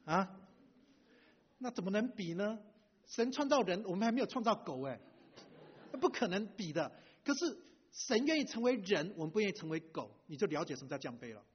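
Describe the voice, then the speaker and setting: A middle-aged male pastor giving a lively sermon, often asking the audience questions and mixing in English words. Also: high voice, brisk, breathy edge. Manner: animated preacher, asks the audience questions, mixes in English words. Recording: dull lo-fi recording.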